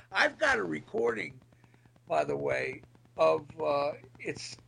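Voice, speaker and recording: A middle-aged man with a raspy, gravelly, gritty voice, reminiscing casually as an interview guest in a halting, searching way. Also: fairly high pitch, big pitch swings, fairly bright tone, low-quality recording. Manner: halting, hesitant, searching for words. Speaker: podcast guest, former military band musician.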